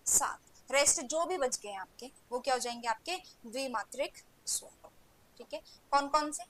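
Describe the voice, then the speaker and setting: A young woman teaches an online Hindi grammar coaching class in a high, bright, forceful voice, though the audio quality is poor. She poses questions to her students and answers them herself, saying "ठीक है" again and again.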